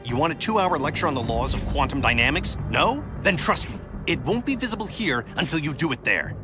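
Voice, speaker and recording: A man's voice: on the high side, very animated, a little fast. A man playing a brainy, brusque American sci-fi hero in a video game, urgent and impatient as he explains and instructs. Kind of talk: dramatic video game voice acting. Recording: music behind the voice.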